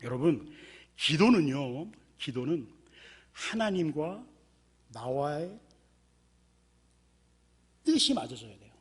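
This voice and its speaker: In a church sanctuary, a male pastor preaches slowly with a high, sing-song, slightly rough voice and frequent pauses. He tells stories and acts out the characters' desperate cries in a raised voice.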